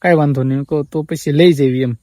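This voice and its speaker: A man's voice: a little high, fairly even intonation, quick pace, dark tone, no echo, studio quality. Subdued young man vlogging. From Gujarat, India. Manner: subdued, rambling and repetitive, often quoting others. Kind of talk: confessional vlog to viewers. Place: family farm, outdoors.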